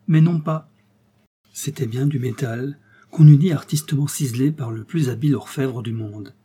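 Husky, mellow man reading a fairy tale. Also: mid-range voice. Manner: measured, expressive reading. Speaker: narrator. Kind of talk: storybook reading.

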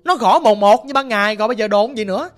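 A man's voice: sits high, fast. A man with a Southern Vietnamese accent telling a ghost story in a casual, conversational way. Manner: lively, conversational, with fillers.

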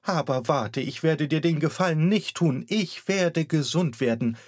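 A man's voice: on the low side, expressive, slow pace, fairly bright tone, no room sound, studio quality. A man voicing a furious, sickly old woman who shrieks threats and gasps for breath. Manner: shrieking, gasping.

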